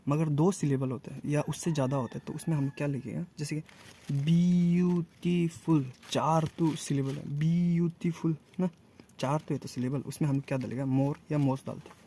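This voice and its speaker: A man teaching a casual grammar lesson, asking and answering his own questions and repeating words slowly. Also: mid-range voice, fairly even intonation, warm tone, slightly rough.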